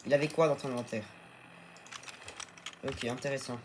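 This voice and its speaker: A man of middling pitch talks his way through a survival game, coaxing and cheering on his tamed animals in a loose, chatty let's-play manner. A steady hiss of noise and game ambience sits under his voice. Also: moderate pace. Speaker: gaming video host. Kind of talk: casual let's-play commentary.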